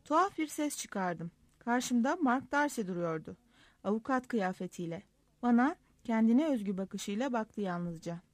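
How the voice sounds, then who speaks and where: A woman narrating a first-person diary story aloud in a lively, expressive reading. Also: a little high, normal speed, no room sound. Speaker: audiobook narrator.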